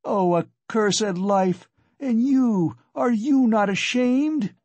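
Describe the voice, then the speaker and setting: Male narrator as frantic poor wife, high raised voice, accusing exclamations, despairing, audiobook drama. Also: slow pace, darkish tone, dry recording, lo-fi sound. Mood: furious, despairing. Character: frenzied, despairing, impoverished wife and mother. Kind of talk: dramatic audiobook character acting.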